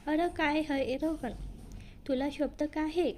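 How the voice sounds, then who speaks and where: A woman's voice: sits high, fairly even intonation, takes it slowly, darkish tone, a little hiss or hum. A woman voicing a teasing, bossy middle-aged aunt in a read-aloud story, scolding playfully.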